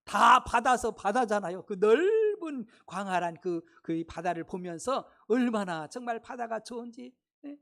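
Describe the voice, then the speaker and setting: Emphatic Korean preacher with sweeping dynamics. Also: male voice, sits high, sing-song, unhurried, gravelly, hardly any pauses. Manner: emphatic, conversational preaching with rhetorical questions; swings between loud exclamations and hushed asides. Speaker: pastor. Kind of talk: sermon. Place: church sanctuary.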